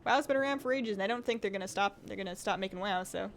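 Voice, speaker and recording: A woman livestreams her gameplay, rambling chattily and reading out what viewers write. She speaks fast at medium pitch, her voice slightly strained from talking, with a little hiss or hum in the recording.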